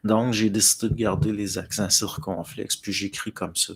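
A middle-aged man with a Québécois French accent chats casually on a livestream, answering viewer comments in a rambling, hesitant way full of fillers and restarts. His voice is fairly low and steady at a moderate pace, with a little hiss or hum.

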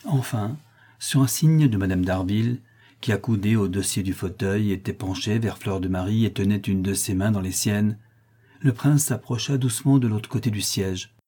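A man narrating a classic novel in a measured, steady manner. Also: fairly low pitch, breathy edge. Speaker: audiobook narrator. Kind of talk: scripted narration.

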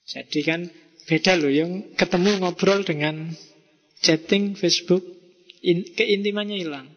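A man with a Javanese accent giving a lively philosophy lecture to students, mixing in Javanese phrases and acting out quoted messages. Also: high-pitched, measured pace, lo-fi sound, slight background noise. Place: mosque hall. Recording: reverberant hall.

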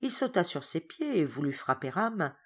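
A woman reading a classic children's novel aloud as expressive audiobook narration. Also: low voice, moderate pace, breathy edge. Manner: expressive storytelling. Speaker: audiobook reader. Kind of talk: scripted narration.

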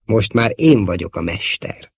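A man doing a scornful dark lord. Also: on the low side, expressive, husky, no echo, studio quality, exaggerated voice.

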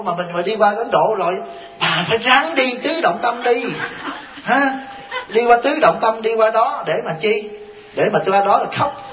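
A man's voice: sits high, slight background noise. A man, a Buddhist monk giving a folksy, joking dharma talk full of rhetorical questions. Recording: dull lo-fi recording.

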